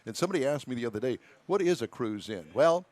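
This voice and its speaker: A man's voice: medium pitch, animated, quick pace, a little mellow. A man with a mid-range voice hosts a casual live radio show. He talks in a folksy, rambling way with a jokey streak. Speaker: radio car show host. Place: live remote broadcast at a car show. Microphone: broadcast headset.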